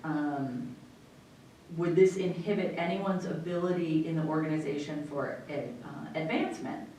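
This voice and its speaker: An American woman explains business as a school superintendent at a meeting. Her voice is low. The recording is very echoey and distant, with faint rumbling noise. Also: moderate pace, warm tone. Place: indoor meeting room.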